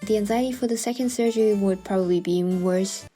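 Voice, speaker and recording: With music playing behind her, a woman gives a voice-over of a scripted personal story, slipping in wry, self-deprecating and dramatic asides. Her mid-range voice is mellow and the pace is quick.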